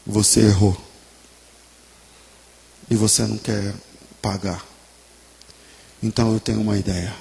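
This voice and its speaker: A man voicing a stern but loving mother who talks firmly and deliberately to her son. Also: lowish voice, flat delivery, vocal fry, darkish tone. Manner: firm, measured, turning pleading.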